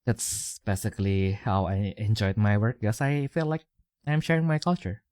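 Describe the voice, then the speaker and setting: A man's voice: lowish voice, steady tone, normal speed, a little mellow, no room sound, clean studio sound. A young man with an Indonesian accent chatting casually as a podcast co-host, rambling through fillers and restarts. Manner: rambling, many fillers and restarts, chuckles often.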